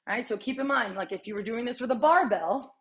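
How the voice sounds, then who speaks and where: A woman's voice: on the high side, fairly quick, fairly bright tone. A woman in her thirties coaching a strength workout while exercising, chatty and encouraging, with sighs and short breaths between cues. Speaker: fitness coach.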